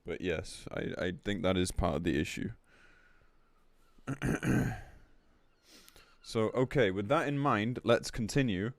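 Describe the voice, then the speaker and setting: A man with a fairly low, creaky voice does casual live-stream commentary that includes reading an announcement aloud. He's animated yet slow, pausing often, and his delivery is blunt and exasperated with loose swearing. The recording is close and dry, with very little room sound.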